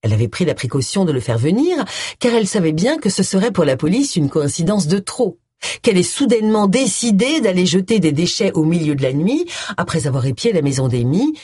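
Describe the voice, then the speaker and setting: Expressive, husky audiobook narrator. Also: medium pitch, fairly quick, no room sound, studio quality. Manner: expressive storytelling. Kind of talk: scripted narration.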